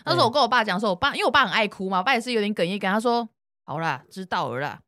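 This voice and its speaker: A giggly woman host chatting fast and teasing, her fairly high voice bouncing around a lot. The sound is dry and close. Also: expressive, sharp tone, no echo. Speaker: podcast host. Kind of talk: casual chat.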